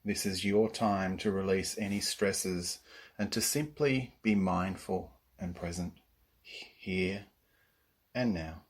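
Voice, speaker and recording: Calm and soothing, a deep-voiced man guides listeners through relaxation as a yoga nidra teacher. Long pauses separate his instructions.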